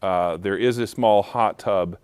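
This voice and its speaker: A man with a deep, low voice runs a benefit auction, calling bids and tossing in playful jokes as he goes. The sound is dry and close, with no room echo. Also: a little slow, a little mellow, clear, resonant tone. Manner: playful, joking asides between bids. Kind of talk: live charity auction calling.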